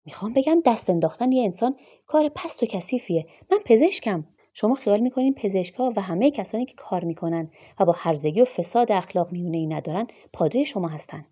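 Storybook: woman doing an enraged, proud male doctor; yelling, husky, loud. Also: mid-range voice, animated. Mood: furious, shouting. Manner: shouting angry tirades. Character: furious grieving male doctor, bitter and proud.

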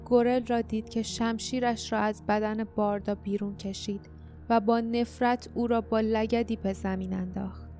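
A woman narrating a fantasy audiobook in a steady, dramatic storytelling manner. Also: a little high. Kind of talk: scripted narration.

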